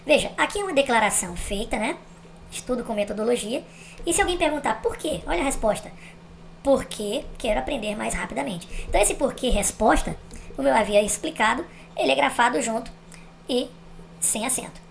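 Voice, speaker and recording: A woman's voice: fairly high pitch, expressive, brisk, gravelly, slight background noise. A woman explaining grammar step by step on video, checking that the viewer follows. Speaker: teacher.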